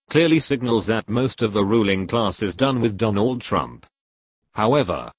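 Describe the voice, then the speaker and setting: A man reading a political article aloud as scripted narration, in a steady, measured delivery. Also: on the low side, breathy edge, no echo.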